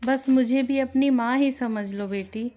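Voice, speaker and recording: A woman voicing a kind, mysterious old woman in a storybook tale, speaking gently and motherly. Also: high voice, unhurried, pitched above the performer's own voice. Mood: gentle.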